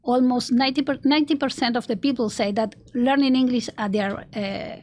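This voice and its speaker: Her voice a little high and steady, she talks briskly. She's an Argentine marketing executive and native Spanish speaker, earnest in her interview answers, frequently restarting and laughing softly.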